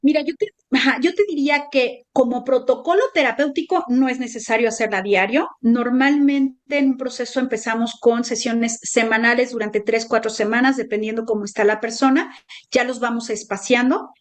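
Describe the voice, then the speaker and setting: A woman's voice: fairly high pitch, fairly even intonation, normal speed. A woman, a color therapist answering interview questions with reassuring examples.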